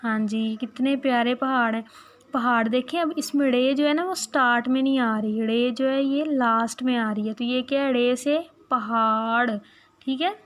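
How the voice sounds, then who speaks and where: A woman, teaching a playgroup class in a recorded lesson, speaking slowly and coaxingly, repeating words and asking little questions. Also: sits high. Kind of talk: recorded online class for small children.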